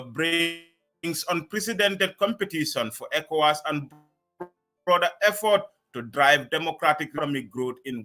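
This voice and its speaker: Guy hosting a news talk show, bright punchy voice, formal measured intros. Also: a little high. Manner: measured, formal scripted delivery. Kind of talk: formal current-affairs interviewing.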